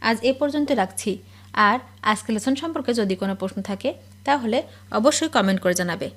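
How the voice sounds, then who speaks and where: A woman teaching spoken English, reading each phrase and then repeating the English slowly and clearly. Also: a little high, animated. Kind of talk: slow phrase-by-phrase language drill.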